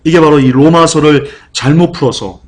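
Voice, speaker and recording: A man's voice: a little high, moderate pace. A male pastor delivering an impassioned sermon, denouncing a teaching he opposes and retelling a Bible story with vivid scenes. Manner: impassioned, denunciatory preaching.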